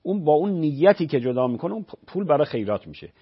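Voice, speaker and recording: A man's voice: fairly high pitch, big pitch swings, breathy edge. A man, a religious scholar on a radio call-in show, patiently explaining rulings with everyday examples. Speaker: religious scholar answering callers. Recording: dull lo-fi radio broadcast.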